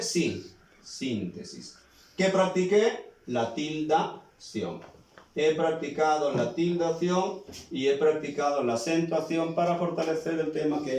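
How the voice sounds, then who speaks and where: A man with a Peruvian Spanish accent teaching a spelling lesson at a very slow, deliberate pace, stretching out each example word. He asks questions and then answers them himself. His fairly high voice bounces around a very echoey room, some distance from the mic. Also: darkish tone. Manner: slow, drawn-out words, plays both the question and the answer. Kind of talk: spelling lesson, talking to students.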